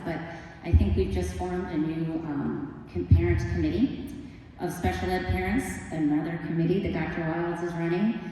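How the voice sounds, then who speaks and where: A man answering at a candidate forum in a plain, measured, matter-of-fact way. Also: on the high side, mellow. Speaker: school board candidate. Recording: echoey hall, distant mic, faint hum.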